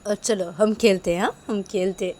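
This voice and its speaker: A woman's voice: mid-range voice, steady tone, moderate pace, a little mellow, slight background noise, lightly acted. A woman voicing a playful young woman who pleads and teases with repeated tag questions, in a storybook tale. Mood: wheedling. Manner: pleading, repeats "what is it?" and "haan?".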